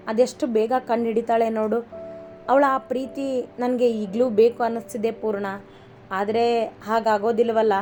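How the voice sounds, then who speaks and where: A tender young husband who teases and coaxes his wife in quick, eager bursts, as a woman reading the story puts him on. His voice stays fairly high and level, with little swing in pitch, and faint music plays behind him. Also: darkish tone, lightly acted. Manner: coaxing, playful, quick.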